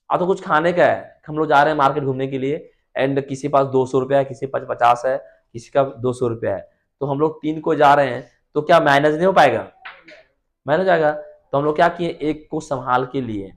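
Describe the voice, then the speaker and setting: A man teaching English vocabulary to a class, explaining words with everyday examples and putting questions to his students. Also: on the high side.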